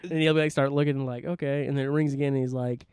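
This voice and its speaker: A man co-hosting a casual podcast, reviewing comedy skits in an animated way and acting out their lines. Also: mid-range voice, rapid-fire, clear, resonant tone, no room sound. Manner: animated, laughing, acts out skit lines. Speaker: podcast co-host.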